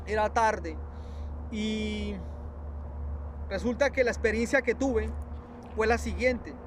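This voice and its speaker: A preacher telling a religious testimony in a halting, repetitive way, often addressing his listeners as brothers. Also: high voice, slight background noise. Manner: earnest, repetitive, halting storytelling with many restarts.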